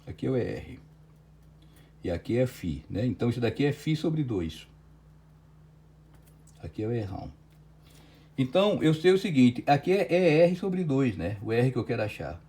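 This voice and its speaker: In this online physics lecture, the Brazilian Portuguese-accented man sounds very animated and mellow, with medium pitch and a moderate pace, pausing often. He takes a problem step by step and frequently checks with "certo?".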